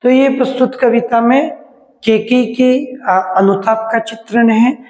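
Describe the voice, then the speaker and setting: This is a college literature lecturer at work, reciting a line of poetry and then glossing it piece by piece. The voice sits at a middling pitch. It rings with a long, roomy echo from the hall around it. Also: measured pace, a little mellow. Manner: recites verse lines, then glosses them word by word. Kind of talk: recorded lecture explaining a poem. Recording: echoey reverberant room.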